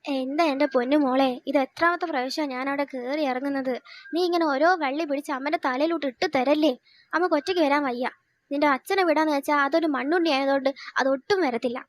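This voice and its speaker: A tired middle-aged mother grumbles in a soft, complaining tone, played by a young woman. Her voice stays high-pitched even as she guilt-trips her daughter. She sounds worn out and sulky throughout this fan audio drama. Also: fast, natural voice. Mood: grumbling. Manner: grumbling, guilt-tripping, lower and softer.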